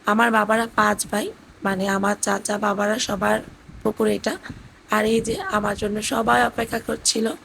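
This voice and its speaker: A hoarse woman narrates her family vlog in an even, flat tone. Her worn voice has a gravelly, cracking edge, and faint noise sits under the recording. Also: mid-range voice, moderate pace, low-quality recording. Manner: gentle storytelling with fillers. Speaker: vlogger narrating family trip. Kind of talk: voice-over narration. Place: indoors at her parents' house.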